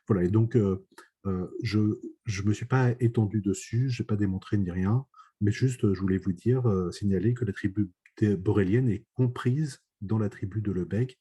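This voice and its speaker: Low, husky French math lecturer. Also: male voice, normal speed, warm tone. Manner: hesitant, many fillers and checks for understanding. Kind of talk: online lecture.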